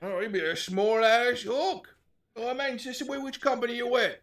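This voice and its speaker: A man's voice: extremely high pitch, fairly even intonation, moderate pace, fairly bright tone, pitched above the performer's own voice. A man voicing a leering, crude hobgoblin raider in a tabletop game, with a slangy, taunting drawl. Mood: brash. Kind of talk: improvised tabletop role-play.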